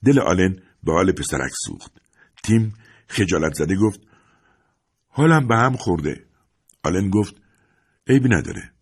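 Deep, husky male storyteller. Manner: expressive storytelling with lively swings. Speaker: narrator. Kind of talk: audiobook narration. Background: faint music.

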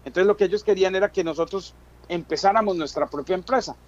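A middle-aged Colombian man, chairman of a business chamber, recounts his own story as an interview guest in conversational Spanish. His voice sits high and moves fast, and the audio sounds dull.

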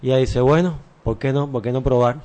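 A man with a Cuban accent joins a radio show as a guest. He is a film director and explains his work in a relaxed, unhurried way. His voice sits at an ordinary, mid-range male pitch. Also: a loud crowd. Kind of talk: interview answers.

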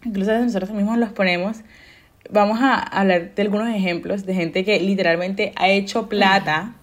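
A woman's voice: mid-range voice, steady tone, moderate pace. A young woman, hosting a casual podcast chat, telling stories loosely and laughing often. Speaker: podcast host.

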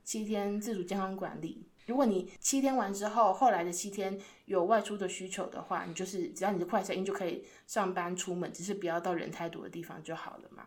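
Young woman, podcast co-host, rapid lively storyteller. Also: mid-range voice. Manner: animated storytelling, acts out her parents' lines. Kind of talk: casual chat.

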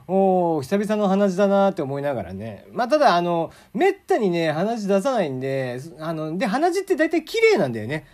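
A man's voice: high-pitched, sing-song, brisk, hardly any pauses, darkish tone. A man hosting his own casual talk show, chatty and rambling, often stopping to correct himself. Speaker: podcast host. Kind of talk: casual solo radio talk.

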